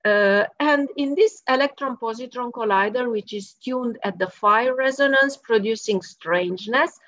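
Speaking from her office in the evening, this woman from Romania, an experimental physicist, walks through slides in a friendly, explanatory way with the occasional wry aside. Her voice is a little high and a bit bright, at a moderate pace, with no room sound. The video call audio is dull and lo-fi.

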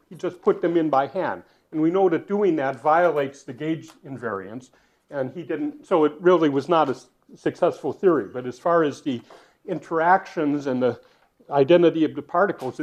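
In a lecture hall, a man with a somewhat high voice, not a native Dutch speaker, teaches physics while thinking aloud. He stumbles, restarts, and fills gaps with "uh," and his loudness shifts as he turns between the board and the audience.

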